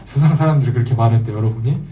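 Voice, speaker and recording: Korean pastor preaching in an echoey church. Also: male voice, medium pitch, racing, a little hiss or hum. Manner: animated, acts out quoted voices of churchgoers and mockers; asks the congregation questions and answers them himself. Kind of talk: sermon. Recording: echoey room, voice from far off the mic.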